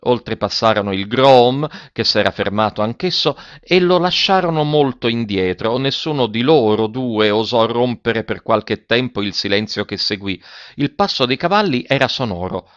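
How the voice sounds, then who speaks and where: A man narrating a literary novel in a measured, expressive reading. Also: mid-range voice, no echo, dull audio. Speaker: audiobook reader.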